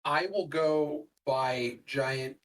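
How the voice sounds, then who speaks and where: A man's voice: fairly high pitch, drawn-out words, recorded from a distance, poor audio. A middle-aged man co-hosting a podcast in casual chat, rambling with lots of fillers. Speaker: podcast co-host.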